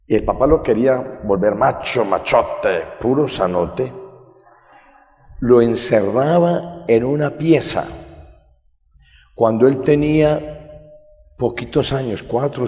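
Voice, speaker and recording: A man's voice: mid-range voice, takes it slowly, pauses often, darkish tone, in a large hall. A man, a priest, preaching at a healing congress and telling stories with emphatic, rising indignation. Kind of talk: healing sermon.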